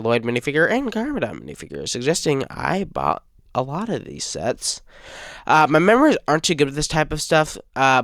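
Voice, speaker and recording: Rambling young man, smooth dry voice. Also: medium pitch, fairly bright tone, no room sound. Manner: rambling, hesitant with frequent uh fillers. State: sick, stuttering. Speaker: fan channel host. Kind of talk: casual fan review talk.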